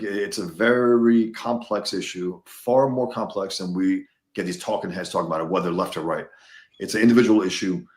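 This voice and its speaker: A man's voice: deep voice, reverberant. A man from the United States, a guest in a casual conversation, talking emphatically and repeating words as he gets worked up.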